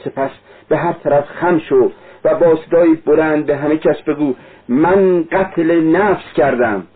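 A man voicing an anguished, devout young woman who cries out and pleads in a high voice. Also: breathy edge. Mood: pleading. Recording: narrow lo-fi radio-like sound.

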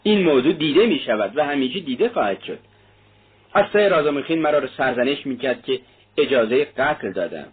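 A man's voice: mid-range voice, lively intonation, breathy edge. A man reading the part of a defiant young male student who argues in cutting lines. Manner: argumentative, cutting. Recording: tinny narrow-band audio.

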